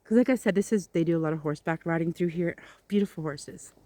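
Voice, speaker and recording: A woman's voice: lowish voice, fast, dark tone. A middle-aged woman rambling casually to her viewers outdoors, in a chatty, informal way. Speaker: vlogger. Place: outdoors in the countryside.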